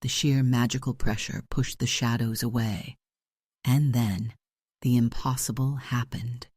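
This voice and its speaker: A man narrating a paranormal romance audiobook in a steady, dramatic storytelling manner. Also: mid-range voice, a little slow, slightly rough, no room sound, clean studio sound.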